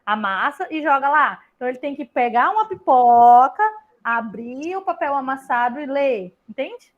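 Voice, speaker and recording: A woman walks parents through reading activities. She talks chattily, piling up examples and tagging her points with quick questions to keep them with her. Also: sits high, animated, phone-quality sound. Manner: chatty, explains with examples, many tag questions. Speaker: literacy tutor leading a parent meeting. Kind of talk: online group session, casual explanation.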